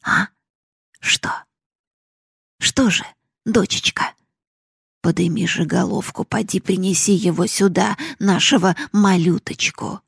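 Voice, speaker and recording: A woman voicing a miserly old male cooper who coaxes his daughter in whispers and then bellows at her about his gold, read as an audiobook with a slow, husky, gravelly voice. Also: high-pitched, steady tone, no echo, studio quality, exaggerated voice. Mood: wheedling. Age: older. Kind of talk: audiobook reading.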